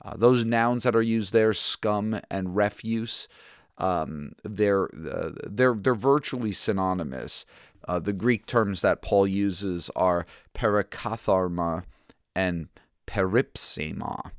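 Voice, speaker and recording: Low-voiced man teaching conversationally. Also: takes it slowly, smooth, no echo, clean studio sound. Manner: conversational, thinks aloud with restarts and frequent "right?" checks. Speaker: podcast host teaching through a Bible reading plan. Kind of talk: casual Bible teaching commentary.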